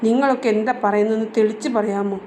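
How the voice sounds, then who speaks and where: A woman's voice: medium pitch, fairly even intonation, quick pace, darkish tone, slight background noise, natural voice. A woman reading the part of a frightened young wife who pleads for answers. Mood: pleading.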